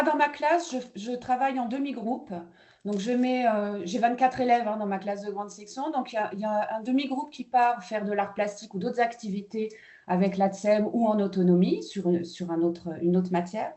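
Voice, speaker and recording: Woman kindergarten teacher, warm dark timbre, webinar presenter, patient and explanatory with filler pauses. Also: medium pitch.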